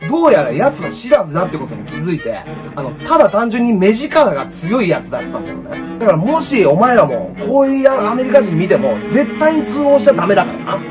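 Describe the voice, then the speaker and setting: Japanese man, bossy comic teacher, lively swinging delivery, light music behind. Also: sits high, quick pace, few pauses. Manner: brash, rough-spoken, bossy teacher act. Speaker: comedic English teacher. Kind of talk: comedic lecture to camera.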